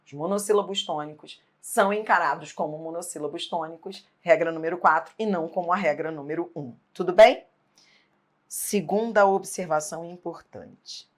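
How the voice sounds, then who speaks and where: A woman's voice: fairly low pitch, moderate pace. Emphatic woman teaching grammar. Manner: emphatic, asks rhetorical questions and checks in often. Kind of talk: exam-prep grammar lesson.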